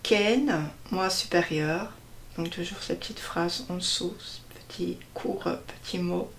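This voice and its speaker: A woman slowly presenting a deck of cards one by one, hesitating often and stressing each card name. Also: lowish voice, gravelly, a little hiss or hum. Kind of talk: casual card unboxing walkthrough.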